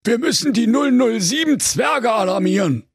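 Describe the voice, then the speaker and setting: A man voicing a panicked fairy-tale brother who shouts in alarm in a radio comedy story. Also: extremely high pitch, lively intonation, normal speed, no echo, clean studio sound, pitched above the performer's own voice, exaggerated voice. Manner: frantic, shouting.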